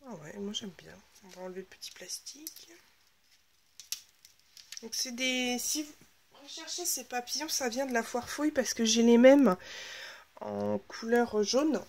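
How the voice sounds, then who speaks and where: A woman's voice: a little high, measured pace, creaky, long pauses, a crowd in the background. A woman hosting a casual scrapbooking video, chatting and thinking aloud as she works, sometimes dropping into half-whispers. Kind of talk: casual crafting tutorial chat.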